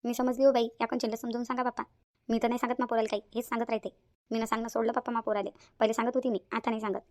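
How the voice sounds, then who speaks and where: A woman's voice: fairly high pitch, little pitch movement, racing, a little mellow, lightly acted. A woman voicing a defensive mother-in-law in a family cartoon.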